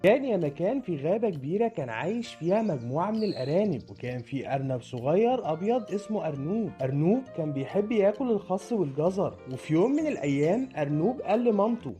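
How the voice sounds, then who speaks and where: A man's voice: high-pitched, very animated, fast, few pauses, warm tone, faint music behind. A man with an Egyptian accent narrating a children's story in a friendly, sing-song manner. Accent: Egyptian Arabic.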